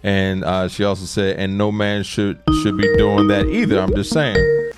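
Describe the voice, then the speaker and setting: A man's voice: on the low side, huge pitch swings, normal speed, over loud music. A man co-hosting a radio show with casual, unfiltered banter and slangy, emphatic talk.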